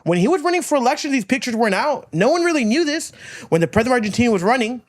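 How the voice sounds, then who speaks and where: Animated, ranting podcast host, a man. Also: very high-pitched, racing. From Miami, United States. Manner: profane, emphatic, repeats himself. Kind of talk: casual podcast rant.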